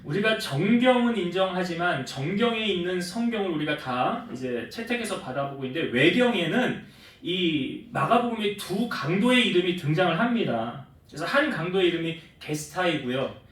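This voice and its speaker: A man preaching in a church, his voice high and swinging up and down a lot as he talks easily with the congregation and keeps asking them questions. He is heard from some distance in a strongly echoing sanctuary. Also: animated, moderate pace, fairly bright tone. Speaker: pastor. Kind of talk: sermon.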